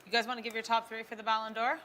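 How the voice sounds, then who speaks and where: Bright-voiced woman hosting a football watchalong. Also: a little high, racing, a little hiss or hum. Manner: lively, teasing, steers the panel. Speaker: host of a live football watchalong. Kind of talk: live watchalong chat and play-by-play.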